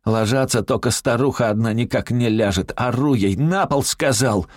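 A man's voice: mid-range voice, steady tone, darkish tone, no room sound, clean studio sound. A man narrating a story in the first person as a brash, crude-talking outlaw. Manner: brash, crude street talk, rapid storytelling. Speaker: audiobook narrator.

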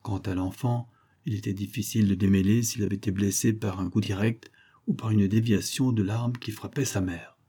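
A man narrates a literary text in measured phrases. His voice is low, dark and mellow, with a husky edge. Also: steady tone. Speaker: audiobook narrator.

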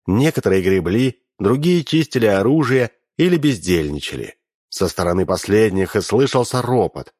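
A man narrating an audiobook, reading with lively energy and raising his voice for the characters' shouts. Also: on the low side, moderate pace, no room sound, studio quality.

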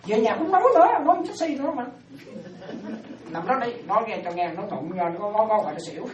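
Lively woman, roomy distant sound. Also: medium pitch, quick pace, a little hiss or hum. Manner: animated, often checks listeners follow. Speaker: Buddhist teacher. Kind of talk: dharma talk to lay followers.

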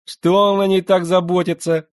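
A man's voice: high-pitched, level tone, normal speed, no echo, clean studio sound, voice pushed up, natural voice. A man doing a lisping, sneering schoolboy. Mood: needling. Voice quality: lisping, cloying diminutives. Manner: needling, mocking.

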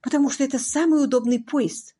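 A woman's voice: high-pitched, a little fast, warm tone, pitched above the performer's own voice, close to an everyday voice. A woman voicing a prim, imperious aristocratic lady who speaks in a haughty, exasperated, clipped way in an audiobook.

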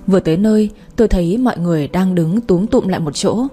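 A woman hosting a night radio story channel, reading a novel aloud in a gentle, soft manner. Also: fairly low pitch, quick pace, breathy edge, faint music behind. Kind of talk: scripted story narration.

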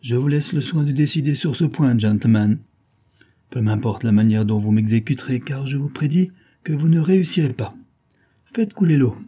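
A man voicing an unshakably calm, sarcastic detective facing captors in a storybook reading. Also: medium pitch, moderate pace, husky, voice pushed up, natural voice. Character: cool, sarcastic male detective prisoner.

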